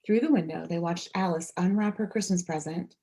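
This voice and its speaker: Like a pastor leading story time, a woman dramatically narrates a children's storybook straight to her young audience. She speaks a little fast in a lowish voice with a dark tone.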